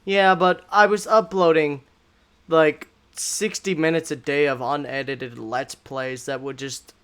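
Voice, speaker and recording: A man's voice: on the high side, steady tone, measured pace, a bit bright, clear, resonant tone. A man in a casual podcast chat, candid and self-critical about his past videos. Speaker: content creator, streamer.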